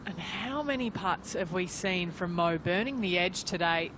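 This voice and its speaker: A woman's voice: on the low side, lively intonation, normal speed. A woman working as a golf commentator, giving conversational live television commentary on tournament play. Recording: clear outdoor course ambience noise. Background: outdoor ambience.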